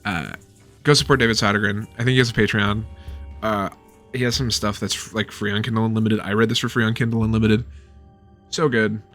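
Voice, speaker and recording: A man's voice: lowish voice, little pitch movement, a little fast, a bit bright, faint music behind. A man in his thirties giving a loose, rambling book review at home, swearing freely.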